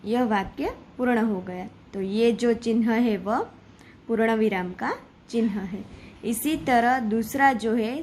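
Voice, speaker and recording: Female teacher, unhurried and patient, reads examples slowly, light noise behind. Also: a little high, low-quality recording. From Gujarat. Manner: slow, patient explaining, reading examples aloud. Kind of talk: Hindi grammar lesson.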